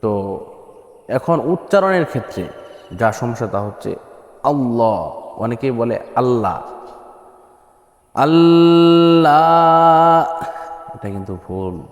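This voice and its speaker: A man from Bangladesh teaching the azan, who explains plainly and then sings long drawn-out chanted phrases as examples. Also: on the low side, animated, darkish tone. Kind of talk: spoken lesson with chanted examples. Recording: echoey room with long reverb.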